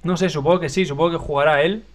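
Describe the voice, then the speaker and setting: A young man from Madrid, speaking with a Spain Spanish accent, hosts a livestream and casts a mobile game match over soft background music. His voice sits fairly high and he talks fast, delivering excitable play-by-play packed with fillers.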